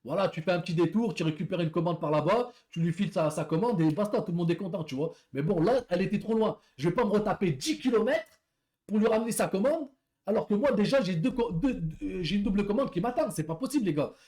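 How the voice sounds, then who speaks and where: A man's voice: sits high, fast, mellow. A man who works as a delivery rider, telling a story in a casual, rambling way, repeating words and talking to viewers as friends.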